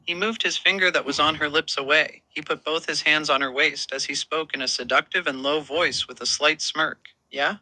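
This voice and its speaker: Man narrating a romance story, steady, slightly high, very bright. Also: normal speed, hardly any pauses, no room sound, low-quality recording.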